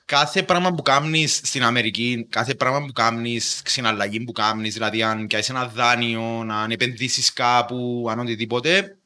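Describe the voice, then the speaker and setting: A man's voice: mid-range voice, fairly even intonation, hardly any pauses, sharp tone. A man with a Cypriot Greek accent hosting a casual conversational interview, explaining things informally with everyday examples. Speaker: podcast host.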